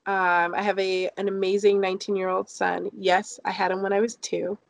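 A London woman in her thirties appears as an interview guest, telling personal stories in a casual, joking way with animated emphasis. Her voice is medium-pitched and creaky, her pace moderate, and the recording has no echo.

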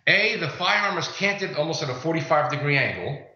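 A man explaining conversationally as an expert guest, halting and careful in his formal phrasing. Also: on the high side, expressive, bright, forceful tone. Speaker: guest firearms expert and private investigator. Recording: roomy, dull lo-fi sound.

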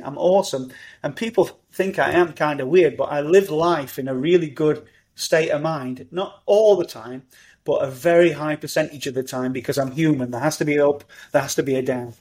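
A middle-aged man, talking as a podcast guest in an animated, upbeat way. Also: a little high, brisk. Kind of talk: conversational interview.

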